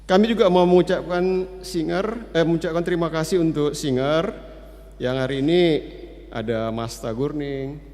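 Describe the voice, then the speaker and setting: A man of about sixty giving church announcements in a relaxed, chatty way, with many hesitant fillers. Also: a little high, moderate pace. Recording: long reverb of a church hall.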